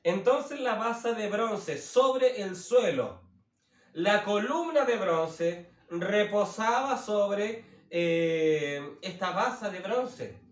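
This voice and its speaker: A man teaching the Bible as a preacher, slowly repeating and rephrasing himself with many fillers. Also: high-pitched, far from the mic, slight background noise. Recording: roomy, from away from the mic.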